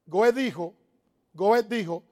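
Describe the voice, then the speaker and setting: Speaking slowly in a high-pitched, dark voice, a network marketer from the Dominican Republic gives an emphatic motivational business talk to a live crowd. Like a preacher, he exhorts them and keeps repeating his key points.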